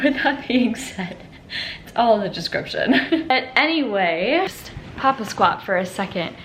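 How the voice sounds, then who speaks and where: This lifestyle vlogger is a young woman with a medium-pitched, somewhat bright voice, talking casually to the camera at home in an upbeat, rambling way. Allergies leave her congested and a bit nasal, and there's a faint hiss or hum in the recording.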